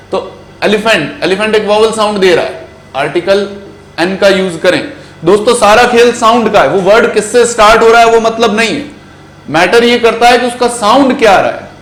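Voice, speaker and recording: A man with an Indian English accent teaching an exam-prep grammar lesson in a classroom, drawing out words slowly as he drills pronunciation. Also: high voice, a bit bright. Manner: slow, stretched-out pronunciation drills. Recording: echoey room.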